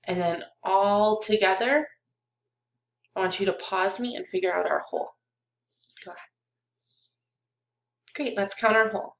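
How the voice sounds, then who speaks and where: A woman's voice: mid-range voice, unhurried, long pauses. A young woman giving a recorded lesson to small children like a kids show host, in simple, encouraging words, asking questions and counting along. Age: young adult. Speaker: kindergarten math teacher. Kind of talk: recorded children's lesson, talking directly to pupils. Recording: roomy, echoey webcam sound.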